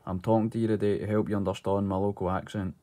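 A man's voice: lowish voice, little pitch movement, quick pace, mellow. A man from Glasgow with a Glaswegian Scottish accent, reading a script as an accent sample. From Glasgow, Scotland.

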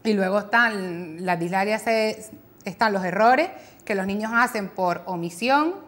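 Spanish speech therapist explaining patiently. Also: female voice, mid-range voice, measured pace, fairly bright tone. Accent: Canary Islands Spanish. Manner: patient explanatory tone, demonstrating mispronunciations. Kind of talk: explanatory talk-show segment.

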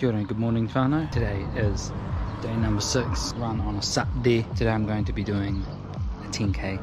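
A man's voice: lowish voice, steady tone, normal speed, loud music behind the voice. A man in his thirties with a New Zealand accent, chatting casually to his camera outdoors. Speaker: running vlogger. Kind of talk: casual vlog talk to camera. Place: outdoors by a house. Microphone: action camera at arm's length.

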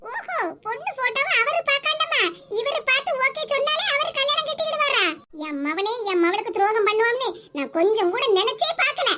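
A woman acts out a fiery old cartoon mother who scolds and accuses with sarcasm, in a Tirunelveli Tamil accent. Her voice is very high and fast, with a noisy hiss behind it. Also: expressive. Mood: angry scolding.

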